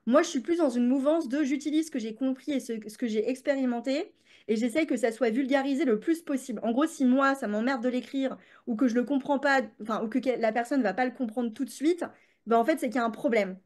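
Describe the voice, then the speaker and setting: A woman's voice: high voice, quick pace, a little mellow. A woman, a creativity coach, chatting as a podcast guest with many fillers and restarts. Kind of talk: casual podcast interview.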